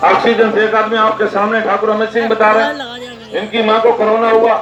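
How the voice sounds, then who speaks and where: A man giving a political speech to a village gathering, repeating figures and questions and rising to indignant shouts. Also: high-pitched, completely flat delivery, brisk. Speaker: political party speaker. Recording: echoey, dull PA sound with crowd noise.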